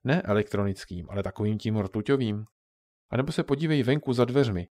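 A man voicing a kindly old grandmother who patiently explains things to her grandchildren, in a low voice. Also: a little mellow, dry recording, close to an everyday voice.

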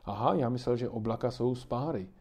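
A man's voice: mid-range voice, a little mellow, lightly acted. A man reading aloud and voicing a curious young boy who keeps asking questions. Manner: inquisitive.

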